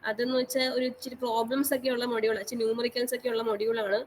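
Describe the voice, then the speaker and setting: A woman's voice: on the high side, flat delivery, very fast, a little hiss or hum, low-quality recording. A woman college teacher giving an online lecture, repeating each instruction and mixing English technical terms into her speech. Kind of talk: online class lecture on exam syllabus.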